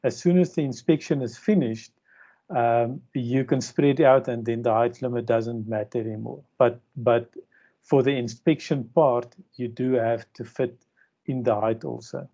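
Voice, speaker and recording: A man's voice: medium pitch, fairly even intonation, measured pace, mellow. A man with a South African accent explaining game rules in a webinar, in plain and matter-of-fact terms, over dull lo-fi call audio. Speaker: robot game presenter. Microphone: video call.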